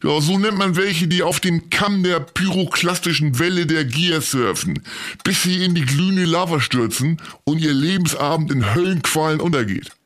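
A man's voice: fairly high pitch, normal speed, fairly bright tone. A man hosting a scripted comedy sketch, playing a teasing, exasperated straight man.

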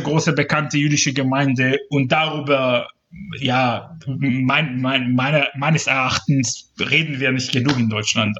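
A man from Israel, a native Hebrew speaker with an Israeli accent, appears as a journalist guest on a casual podcast, explaining things earnestly and sometimes searching for words. His medium-pitched voice sounds pushed and bright, with the highs cut off and a little hiss or hum.

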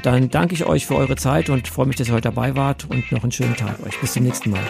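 A man hosting a podcast, explaining inheritance matters in a measured way with occasional fillers. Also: mid-range voice, steady tone, gravelly, music in the background. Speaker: podcast host.

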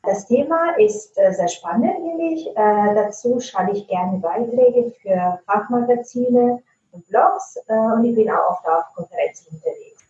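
A woman from Italy, a native Italian speaker, answers interview questions about her work as a translator and trainer. Her voice is on the high side and warm, with lively intonation and a slightly slow pace; she's thoughtful and uses frequent hesitation fillers. The recording is roomy, distant, dull and lo-fi.

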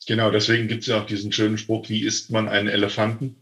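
A man's voice: on the low side, monotone, fast, a bit bright. A man who has trained people in sales for over twenty years, talking enthusiastically in a casual conversation, with many fillers.

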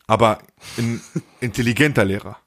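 A man co-hosting a casual podcast, telling a story in slangy, animated talk and acting out the people in it. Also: medium pitch, moderate pace. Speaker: podcast co-host.

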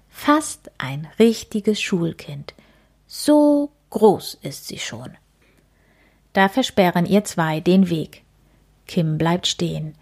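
A woman reading a children's book aloud in a calm, gentle way. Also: lowish voice.

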